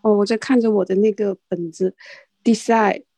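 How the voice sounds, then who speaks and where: A woman's voice: medium pitch, fairly even intonation, normal speed, warm tone, rough recording. A Mandarin-speaking woman studying English, reading vocabulary aloud and hesitantly repeating words after her teacher. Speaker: adult English student.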